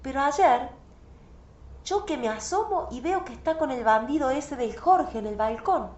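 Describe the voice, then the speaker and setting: A woman's voice: high voice, animated, unhurried, darkish tone. A woman reading a novel aloud in the first person, telling the story with anguished emotion. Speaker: audiobook reader. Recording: roomy, slightly dull recording.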